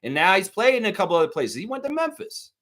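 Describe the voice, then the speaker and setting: A man's voice: high-pitched, wildly swooping pitch, fast, a bit bright. Heated, swearing man ranting on a stream. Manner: profane, heated, repetitive ranting; addresses viewers directly. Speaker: sports stream host. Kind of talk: live sports talk rant.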